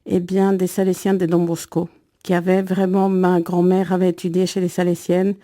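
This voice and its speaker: Woman, middle-aged, low and warm, telling a personal testimony. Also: level tone, no room sound, clean studio sound. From El Salvador. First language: Spanish. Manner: earnest, reflective, storytelling with pauses. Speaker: guest giving a faith testimony.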